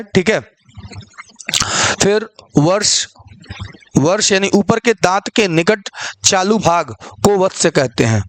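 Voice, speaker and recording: High-voiced male teacher lecturing. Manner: asks the class questions and answers them himself; repeats "ठीक है" often. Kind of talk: online exam-prep lecture.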